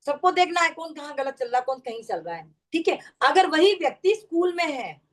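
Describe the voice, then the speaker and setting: A woman's voice: high-pitched, big pitch swings, fairly quick. A woman teaching a numerology class over a video call, explaining at length and often checking that her students follow. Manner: explanatory, keeps checking understanding with questions. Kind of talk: online class lecture.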